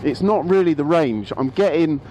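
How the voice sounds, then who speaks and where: A man's voice: a little high, lively intonation, moderate pace, warm tone, low-quality recording. A man vlogging casually about his motorbikes, rambling and often breaking off to restart his sentences. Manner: rambling, self-interrupting. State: out of breath. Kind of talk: casual vlog monologue. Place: outdoors by a road. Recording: outdoor street noise behind.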